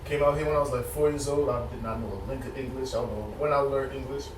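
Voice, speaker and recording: Fast-talking young man, roomy echo. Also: medium pitch, steady tone. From Haiti. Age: 20s. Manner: laid-back, laughs often. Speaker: podcast guest. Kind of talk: casual chat. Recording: roomy echo, distant mic, clear room noise.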